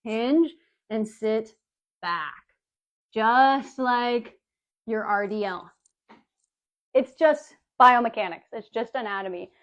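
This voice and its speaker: A woman's voice: a little high, slow, pauses often, a bit bright. A woman fitness coach giving a casual live workout demonstration, chatty and breezy, calling her viewers baby and girlies. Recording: dull lo-fi livestream audio.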